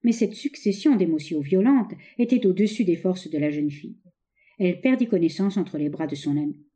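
A woman narrating a novel as an audiobook, with expressive, dramatic storytelling. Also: lowish voice, brisk.

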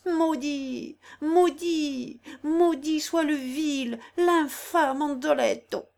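A woman's voice: medium pitch, expressive, measured pace, darkish tone, lightly acted. A woman voicing a fierce, robust singer in agonizing labor, cursing, defiant and cynical. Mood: raging. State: in agonizing pain.

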